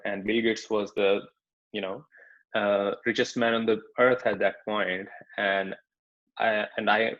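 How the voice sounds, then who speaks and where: A young Pakistani man with a Pakistani accent gives a talk with slides, telling his personal story hesitantly, full of fillers and restarts. His voice sits on the low side, and the recording has its highs cut off.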